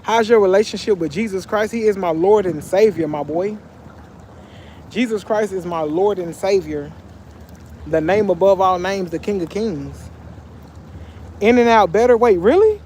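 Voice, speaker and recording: A young man from Texas, USA chats casually on a phone livestream outdoors by a pool, reading out comments in a loose, slangy way. His voice is high-pitched and a little mellow, his pace moderate with frequent pauses. There's slight background noise.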